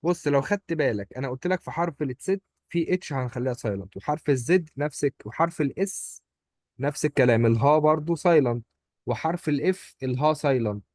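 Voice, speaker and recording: On a dry recording, a man with a mid-range, slightly mellow voice and an Egyptian Arabic accent talks fast while teaching German pronunciation one-on-one. He's patient, drilling his student by repeating each word.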